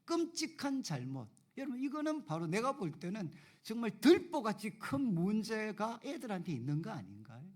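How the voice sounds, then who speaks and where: A pastor telling a personal story in a sermon with animated, self-deprecating humor, in a church sanctuary. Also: male voice, high-pitched, moderate pace, hardly any pauses.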